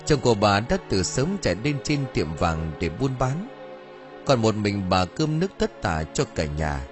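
A man reading a story aloud as narrator, in an expressive, dramatic audiobook style. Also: lowish voice, measured pace. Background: faint music.

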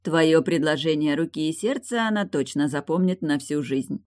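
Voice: mid-range voice, expressive, moderate pace, a little mellow, dry recording, studio quality, lightly acted. A reader voicing a witty sister with a mocking tone. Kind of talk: audiobook dialogue.

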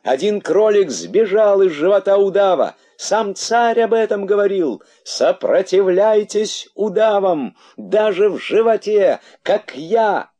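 A man voicing a cheeky, defiant rabbit who shouts from inside a boa's belly in a storybook reading, with a shrill, triumphant yell. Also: animated, slow, hardly any pauses, exaggerated voice. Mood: gleeful yelling.

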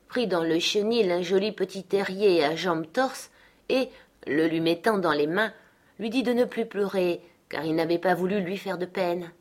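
Reading an audiobook of a classic novel, a lowish-voiced woman keeps her storytelling measured and even.

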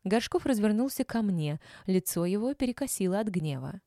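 A woman's voice: mid-range voice, expressive, moderate pace, warm tone, no echo. A woman narrating a first-person audiobook with a dry, mocking delivery.

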